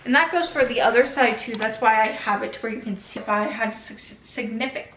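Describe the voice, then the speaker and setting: A woman's voice: fairly high pitch, brisk, a bit bright, echoey room, distant mic, slight background noise, rough recording. A woman in her early twenties vlogging casually about redoing her bedroom, chatty and swearing freely. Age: 20s. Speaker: lifestyle vlogger. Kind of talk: casual vlog chat. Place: bedroom at home.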